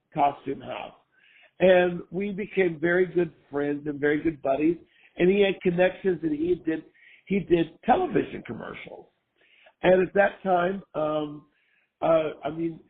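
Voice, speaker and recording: An older man, hoarse from a cold, chatting casually as an interview guest and rambling with lots of fillers. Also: a little high. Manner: rambling, full of fillers and restarts. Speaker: guest, former costume maker. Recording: tinny phone-line sound.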